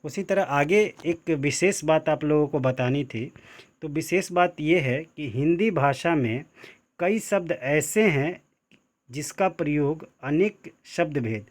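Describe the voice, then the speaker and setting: A man teaching an online grammar lesson, explaining slowly and repeating himself, stressing the key example words. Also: a little high.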